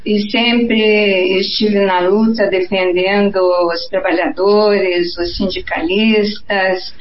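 Slow-speaking older Brazilian woman, echoey room. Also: medium pitch, steady tone. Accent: Brazilian Portuguese. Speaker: guest lawyer and political activist. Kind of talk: formal greetings and self-introduction. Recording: echoey, dull, slightly noisy remote audio.

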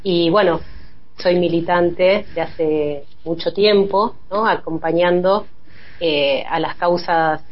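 Female guest, Argentine Spanish accent, native Spanish speaker, lower register, slightly lo-fi call audio. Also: slow. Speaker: guest sociologist and activist. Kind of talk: guest self-introduction on a talk programme.

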